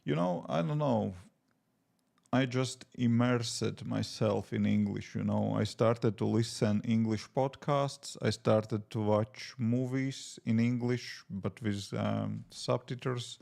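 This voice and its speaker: Speaking slowly in a medium-pitched, creaky, somewhat dark voice, a Latvian man talks casually in Latvian-accented English. He's an app developer streaming live from his home desk, thinking aloud while he codes and using lots of fillers.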